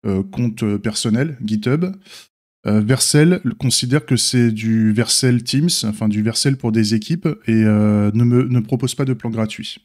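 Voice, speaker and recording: A man's voice: mid-range voice, a little slow, a little mellow. A man with a slight lisp and slushy s sounds, giving a casual unscripted stream update in an informal, hesitant, thinking-aloud way. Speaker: streamer and software developer.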